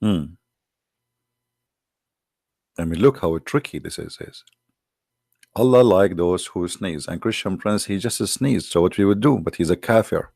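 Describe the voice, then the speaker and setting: A man hosting a livestream talks in a sarcastic, mocking way. His voice sits low with a gravelly, creaky texture. The sound is dry and close to the mic. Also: measured pace, long pauses, darkish tone, dry recording. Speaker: online show host. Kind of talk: livestream commentary.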